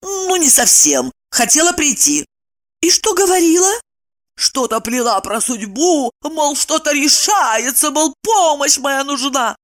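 A woman's voice: high voice, big pitch swings, voice pushed up. Woman doing a blunt, touchy young woman. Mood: conspiratorial. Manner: blunt, quick to take offence.

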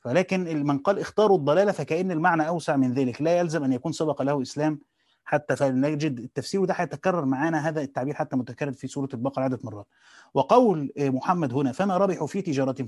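A man with an Egyptian accent teaching a relaxed study lesson, asking himself questions and answering them, mixing colloquial and classical speech. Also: on the high side, racing, no echo, clean studio sound. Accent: Egyptian Arabic. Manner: mixes dialect with classical Arabic, rephrasing as he goes. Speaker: teacher reading and explaining a classical Quran commentary.

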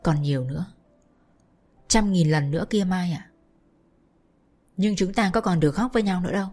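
A woman voicing a heartbroken gentle young man. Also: fairly low pitch, moderate pace, soft background music, close to an everyday voice. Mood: sorrowful. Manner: sorrowful, choked pleading.

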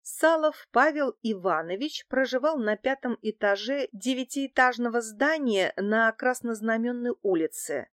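A woman narrating a first-person audiobook in an even, measured way. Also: fairly high pitch, dry recording, studio quality.

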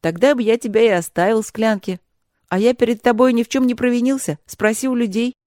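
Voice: mid-range voice, fast talker, dry recording, studio quality, pitched above the performer's own voice, natural voice. A reader voicing a fearless, cheerful young man, a woodcutter's son, in an audiobook fairy tale. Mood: cheeky bold. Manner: lively, cheeky and fearless.

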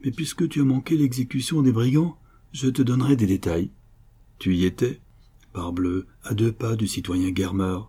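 A man voicing a gruff, nosy innkeeper who talks in a mocking, rough manner. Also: medium pitch, fairly even intonation, moderate pace, dark tone, lightly acted.

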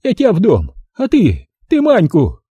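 A sharp-tongued old countrywoman, brusque and scornful, as voiced by a man reading aloud. The voice sits high and swoops widely, with a dark, husky grain. It sounds dry and close to the mic. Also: wildly swooping pitch, normal speed, dry recording, exaggerated voice. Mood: chiding. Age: older. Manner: scolding, rustic, brusque. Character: feisty old village woman, sharp-tongued, bossy.

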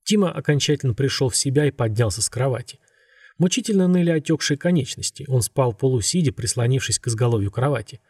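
Мужчина с сипловатым голосом ровно читает аудиокнигу, сухая запись без эха. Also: male voice, mid-range voice, animated, fast talker, darkish tone, slightly rough, no echo, studio quality. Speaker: audiobook narrator. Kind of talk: scripted narration.

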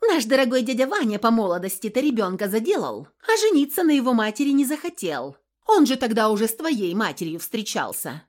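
Woman voicing a hysterical young woman, high and shrieking, loud, spiteful, audiobook. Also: very animated, a little fast. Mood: furious. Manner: screeching, accusing.

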